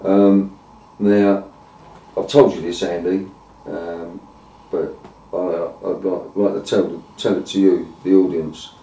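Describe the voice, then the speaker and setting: Blunt man, low voice, halting and sweary, recorded from afar in a roomy space. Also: level tone, warm tone. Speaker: interviewer and campaigner. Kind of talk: casual conversational interview. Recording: roomy, distant mic, faint noise.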